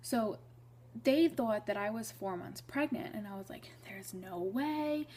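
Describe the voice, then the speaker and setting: A woman's voice: medium pitch, moderate pace, dark tone, slight background noise. A young woman in her twenties telling a personal story in a casual vlog, chatty, with many ums and restarts. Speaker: vlogger.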